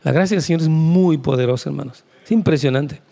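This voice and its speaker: A man's voice: on the high side, a little fast, creaky, dark tone. A man, preaching a conversational, emphatic sermon as pastor, with asides to the congregation.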